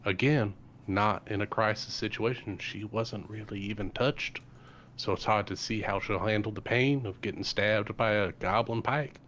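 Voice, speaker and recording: A man voicing a calm, thoughtful woman adventurer who speaks deliberately with many pauses. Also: on the low side, natural voice. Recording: slightly dull with faint noise.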